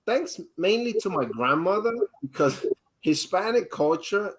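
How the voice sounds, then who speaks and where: A man from the Dominican Republic, a guest on a live interview, telling his own story in a halting way with many restarts and fillers. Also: sits high, big pitch swings, low-quality recording. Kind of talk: candid personal storytelling.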